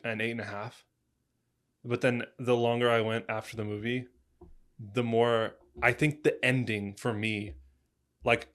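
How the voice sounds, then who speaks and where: A man's voice: mid-range voice, fairly bright tone. Joking young man on a podcast. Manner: jokey, laughs often, trails off mid-sentence. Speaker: podcast co-host. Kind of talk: casual podcast banter.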